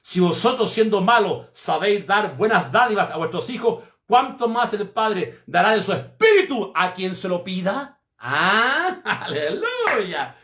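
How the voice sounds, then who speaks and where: A man's voice: sits high, animated, measured pace, fairly bright tone. Fervent preacher man in an echoey room. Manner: fervent, emphatic preaching with repeated phrases. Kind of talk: sermon.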